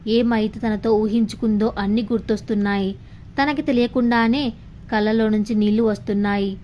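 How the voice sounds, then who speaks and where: A woman narrating a scripted story in a steady, descriptive way. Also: mid-range voice, a little fast, a little hiss or hum.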